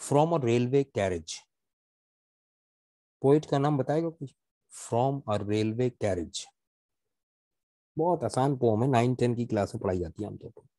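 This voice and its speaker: A Pakistani-accented man teaches literature in an online class, explaining in Urdu mixed with English and posing questions he then answers himself. He reads verse slowly with rhythmic stress, his mid-range, dark voice captured as clean studio sound with no echo.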